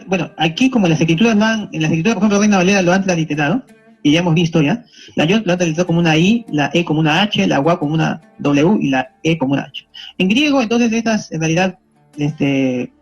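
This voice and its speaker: A high-pitched man, checking in after almost every point. The audio is dull and lo-fi, with faint music behind. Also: slightly rough. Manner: didactic, constantly checking in with the audience. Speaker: teacher. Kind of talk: recorded classroom explanation.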